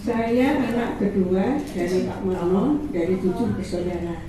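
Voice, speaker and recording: A woman in her eighties, from Indonesia, telling unhurried, reflective stories about her childhood. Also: medium pitch. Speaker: family member interviewee. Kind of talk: personal recollection. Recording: echoey room, distant mic, background noise.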